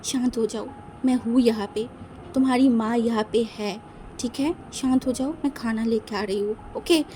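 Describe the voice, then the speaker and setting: A woman narrator as a gentle soothing mother. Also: fairly high pitch, moderate pace, a little hiss or hum, natural voice. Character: caring middle-aged mother soothing her son.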